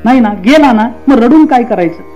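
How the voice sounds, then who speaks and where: A man voicing a grieving but composed royal mother who answers with calm, reasoning questions. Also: extremely high pitch, normal speed, highs cut off, soft background music. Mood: stoic questioning.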